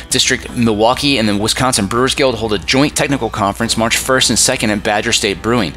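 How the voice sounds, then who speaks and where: A man hosting a podcast rattles off scripted announcements at a quick clip, his lowish voice bright and forward. Faint music sits behind him. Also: poor audio. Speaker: podcast host.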